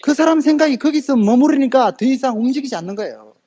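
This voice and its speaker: Motivational speaker, male, high husky voice, fiery storyteller who acts out every quote. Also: lively intonation, fast, dark tone. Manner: addresses audience directly with rhetorical questions. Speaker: direct sales motivational speaker.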